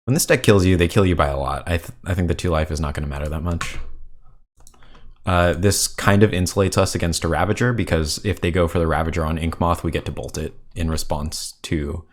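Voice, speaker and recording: A man's voice: low voice, a little fast. A man commentating his own card game, thinking aloud and weighing each move. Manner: thoughtful, muses and counts under his breath. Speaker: gameplay commentator. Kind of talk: thinking aloud over gameplay.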